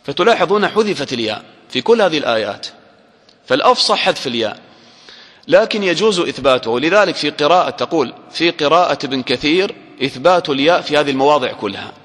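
A man teaching a grammar lesson to a class, quizzing listeners with short questions and drawing out example words slowly. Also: a little high, lively intonation, fairly bright tone. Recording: long hall reverb.

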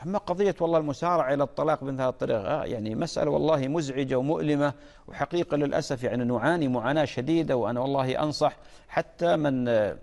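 A man's voice: medium pitch, darkish tone, big-room sound. A man preaching an earnest sermon, often stalling and restarting mid-word.

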